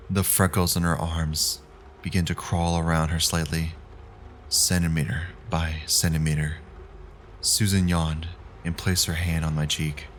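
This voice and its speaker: A man with a very deep voice narrates a horror story slowly and deliberately. His delivery is measured and grim, with a faint hiss behind him.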